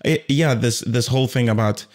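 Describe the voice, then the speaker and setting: A man hosting a casual podcast conversation, animated and rambling at times. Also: mid-range voice, normal speed. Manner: animated, loses his train of thought. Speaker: podcast host.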